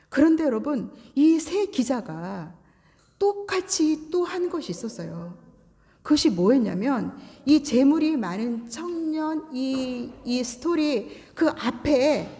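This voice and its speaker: A woman's voice: on the high side, mellow, big-room sound. A woman pastor giving a sermon in conversational style, asking the congregation questions. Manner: conversational preaching with rhetorical questions. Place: church sanctuary.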